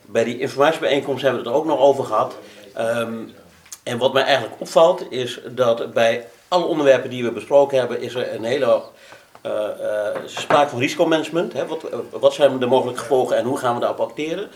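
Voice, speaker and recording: A man asking questions as a council member in a formal meeting, halting and searching for words. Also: mid-range voice, roomy sound.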